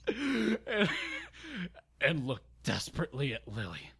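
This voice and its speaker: A man's voice: medium pitch, unhurried, slightly rough. A young man giving a dramatic reading of fan fiction, breaking off with groaning, exasperated asides and stumbling over words.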